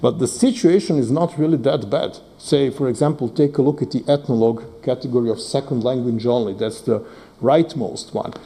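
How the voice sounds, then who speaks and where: A man whose first language is Serbo-Croatian gives a technical presentation in a medium-pitched, creaky, dark voice at a fairly quick pace. He sounds hesitant, using lots of fillers and frequently checking in with "right?"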